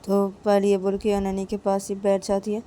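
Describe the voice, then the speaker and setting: Woman casually telling a love story, soft mellow voice, plain and repetitive. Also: medium pitch, completely flat delivery, moderate pace, slight background noise.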